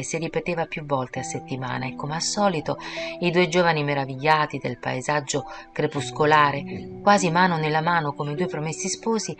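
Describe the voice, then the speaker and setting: A woman narrating an audiobook in a measured, calm storytelling manner. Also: deep voice. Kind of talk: scripted narration. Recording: clear background music.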